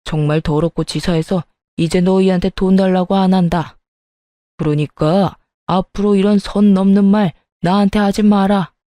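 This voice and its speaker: Woman voicing a gruff, blustering old father-in-law. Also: mid-range voice, steady tone, moderate pace, warm tone, no echo, clean studio sound, lightly acted. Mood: grumbling. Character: angry stubborn older father-in-law, man.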